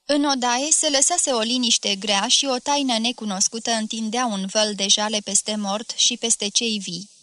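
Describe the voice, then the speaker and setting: A woman narrating a classic story, reading in a steady, measured way. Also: fairly high pitch, no echo.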